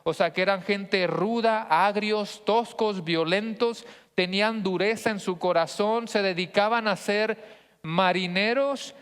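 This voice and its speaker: Unhurried and smooth, a high, fairly bright male voice belongs to a pastor from Monterrey with a northern Mexican Spanish accent. He teaches his congregation in a conversational sermon, frequently asking questions, amid long hall reverb.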